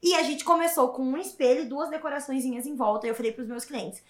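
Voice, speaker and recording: High-voiced, animated woman. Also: fast. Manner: animated, emphatic, repeats words for emphasis. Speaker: interview guest. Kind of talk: casual interview storytelling. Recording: roomy echo.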